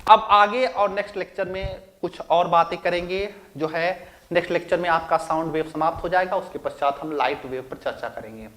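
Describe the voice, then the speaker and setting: High-voiced male physics teacher lecturing. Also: fairly quick, fairly bright tone. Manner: asks rhetorical questions and answers them, repeats key phrases. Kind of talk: recorded classroom lecture.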